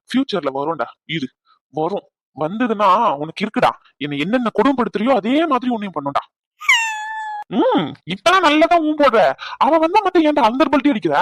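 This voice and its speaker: A man's voice: sits high, fairly bright tone, no echo. A man voicing a young father in a cartoon comedy, ranting in comic exasperation at his baby son.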